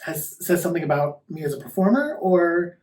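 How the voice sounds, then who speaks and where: A male drag queen answers questions in a casual, campy, sassy way. His voice sits somewhat high. The sound is roomy and echoing, with the microphone some distance away. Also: lively intonation, fairly quick, darkish tone. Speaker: drag queen performer being interviewed. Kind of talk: casual interview chat.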